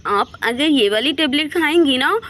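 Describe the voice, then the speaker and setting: A woman's voice: high-pitched, lively intonation, normal speed, a bit bright. A woman voicing a cheerful, obliging young village woman in a doll story. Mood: eager. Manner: chirpy, obliging.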